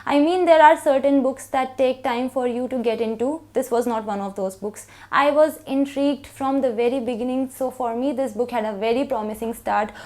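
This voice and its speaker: High-voiced young woman reviewing a book. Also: normal speed, hardly any pauses. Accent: Indian English. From India. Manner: earnest, even explaining tone with frequent "so" openers.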